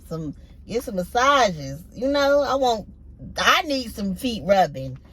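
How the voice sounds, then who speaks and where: A woman's voice: medium pitch, slight background noise. Candid woman in her forties chatting. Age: 40s. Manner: candid and chatty, full of "like" and "you know what I mean". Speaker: vlogger. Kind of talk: casual chat. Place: parked car at night.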